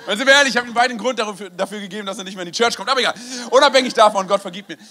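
A young man preaching a lively storytelling sermon, animated and laughing often, often dropping in "hey". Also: high voice, very fast. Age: young adult.

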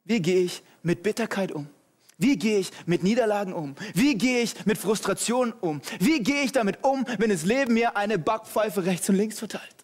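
A male preacher giving an energetic, humorous sermon, addressing the audience directly. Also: high voice, normal speed.

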